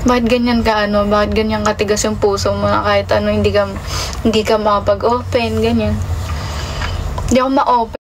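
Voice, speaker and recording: A woman's voice: medium pitch, little pitch movement, a little fast, a little hiss or hum, low-quality recording. A young woman talking casually on a livestream, rambling and confessional, with many fillers and restarts.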